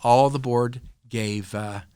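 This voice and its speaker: A man guest on a podcast, telling stories in an earnest, animated conversational way. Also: medium pitch, slow, clean tone, no room sound, studio quality. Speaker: podcast guest, nonprofit co-founder. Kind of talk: conversational interview storytelling.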